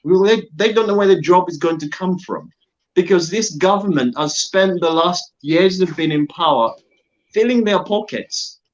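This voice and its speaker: Earnest guy urging people to vote, voice a bit high, dull lo-fi audio. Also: lively intonation, normal speed. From Zambia. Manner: earnest, emphatic, repeats phrases. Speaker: guest. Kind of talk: political appeal on an online talk show.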